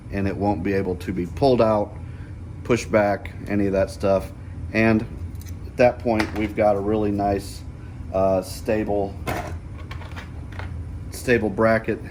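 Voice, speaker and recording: A middle-aged man gives a relaxed DIY tutorial in a lowish, darkish voice, explaining the process step by step and often checking in with "okay?" Slight background noise can be heard.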